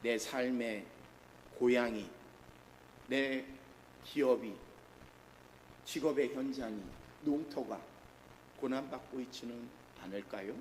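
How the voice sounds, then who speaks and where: A middle-aged man preaches as pastor in a church sanctuary, speaking slowly at medium pitch with long pauses and frequently questioning the congregation. The hall is reverberant, with faint ambience and slight background noise.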